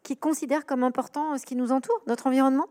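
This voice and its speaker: Woman interviewer, voice on the high side, asking long probing questions. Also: fairly even intonation, quick pace, a little mellow, slight background noise.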